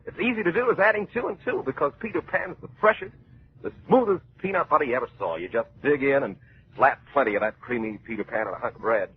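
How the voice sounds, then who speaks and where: A man announcing in vintage radio style, a folksy, enthusiastic pitchman and dramatic story narrator. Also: animated, quick pace, slight background noise. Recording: muffled old radio recording.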